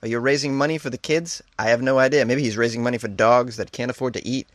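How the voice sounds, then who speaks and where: In a dry recording, a comedy show host reads strange news items aloud in a fast, medium-pitched voice with fairly level intonation. He riffs on them with mock-incredulous jokes and laughs at his own gags.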